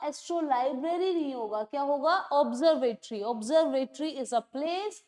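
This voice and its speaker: A young woman with a high voice runs an exam-prep English lesson. She explains in Hindi sprinkled with English and reads each definition slowly and deliberately. She keeps checking whether her class has understood. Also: darkish tone. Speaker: English teacher.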